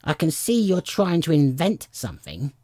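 Shrill pigeon, high-pitched, agitated, scolding, husky edges, indignant complainer. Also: wildly swooping pitch, normal speed, dark tone, no echo, studio quality. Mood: scornful. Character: agitated, scolding female pigeon, frantic and contemptuous.

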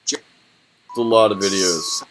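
A man's voice: fairly low pitch, a little slow, slight background noise. A young man thinking aloud in a casual, laid-back and slangy way as he reviews what is on his screen. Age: young adult. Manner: informal, rambling, laid-back slangy talk. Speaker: website reviewer. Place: small room indoors.

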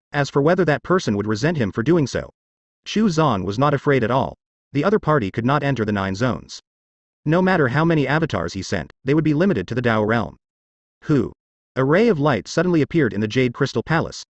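A man narrating a fantasy audiobook in an even, steady reading. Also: medium pitch, dry recording, studio quality.

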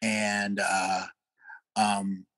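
A middle-aged man, a guest musician, telling animated road stories in a casual interview, laughing often and pausing on fillers. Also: lowish voice, dry recording, poor audio.

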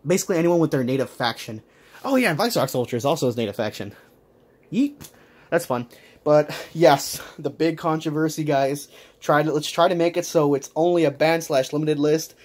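A man chatting casually while unboxing toys, talking quickly and correcting himself as he goes. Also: fairly high pitch, a little mellow. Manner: rapid, rambling, self-correcting. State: out of breath. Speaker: toy unboxing vlogger.

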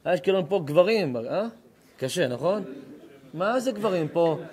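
A rabbi gives an animated sermon, teasing and questioning his live audience directly. His fairly high male voice carries the talk in a hall full of listeners. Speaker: rabbi, preacher. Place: lecture hall or synagogue with an audience.

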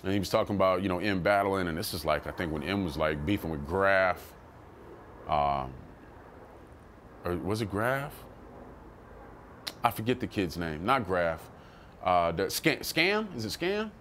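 Deep-voiced man telling rap stories. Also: a little slow, long pauses, slight background noise. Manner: loose and animated, slips into quoted voices, swears freely. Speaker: rapper telling his story. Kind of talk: casual interview storytelling.

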